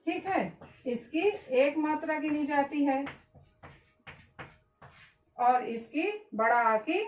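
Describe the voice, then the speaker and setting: A woman teacher giving a lesson slowly, repeating key words and asking questions she answers herself. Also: high voice, echoey room, low-quality recording. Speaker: school teacher. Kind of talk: classroom-style lesson.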